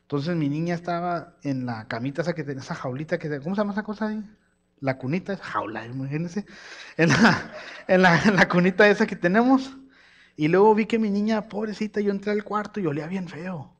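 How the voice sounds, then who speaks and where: A man preaching a sermon, telling a lively family story and imitating his baby's cries. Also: high voice, fairly quick, lo-fi sound. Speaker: pastor.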